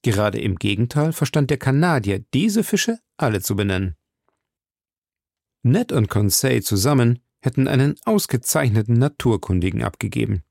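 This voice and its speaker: Gravelly-voiced man reading a story. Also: medium pitch, animated, normal speed, darkish tone, no echo, clean studio sound. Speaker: audiobook narrator. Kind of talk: scripted narration.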